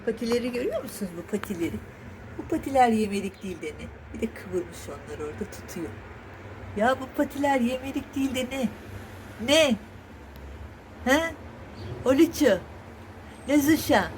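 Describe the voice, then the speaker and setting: A woman talks to her cats in baby talk, her voice high and swooping up and down in a cooing sing-song. She teases and praises them gently at home, with a faint hum of noise behind her. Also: very animated, normal speed, pauses often. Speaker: cat owner filming her cats. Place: at home indoors.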